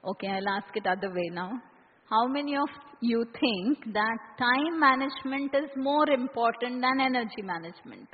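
Husky Indian woman teaching in a reverberant hall. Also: a little high, animated, moderate pace. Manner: engages listeners with frequent check questions. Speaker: workshop trainer. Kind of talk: interactive seminar teaching. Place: large echoey indoor room. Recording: reverberant hall, muffled phone-like sound.

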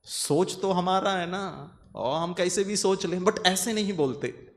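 Guy giving an earnest meditation talk, voice a bit on the high side, repeats stuff, mixes in english words. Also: unhurried. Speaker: meditation speaker. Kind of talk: motivational talk to an audience.

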